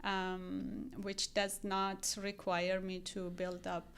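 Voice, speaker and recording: A woman with an Iranian accent speaks in a clear, smooth voice at an unhurried pace. She talks earnestly as a podcast guest, pausing on ums and restarting her sentences. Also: mid-range voice, monotone. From Iran. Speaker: guest real estate agent. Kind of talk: casual podcast interview.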